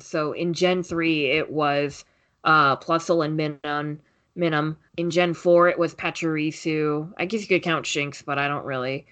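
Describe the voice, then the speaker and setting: Young woman guest on a podcast, lowish voice, sarcastic, loves giving her friend a hard time. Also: fairly bright tone. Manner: teasing and sarcastic, playfully grumbling. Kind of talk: casual chat.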